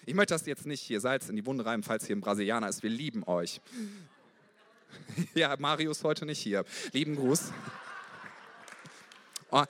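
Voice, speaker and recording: A man preaching a sermon with passion, swinging between loud exclamations and soft, intimate passages. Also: mid-range voice. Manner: passionate, gets loud, then drops to soft intimate tones. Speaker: guest preacher.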